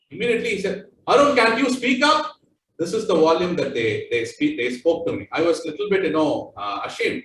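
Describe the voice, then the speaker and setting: Indian-accented male trainer, fairly high-pitched, halting repetitive delivery; roomy distant recording. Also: slight background noise. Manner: loose, repetitive phrasing with many fillers. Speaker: corporate trainer. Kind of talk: workplace training talk. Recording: echoey room, voice far from mic.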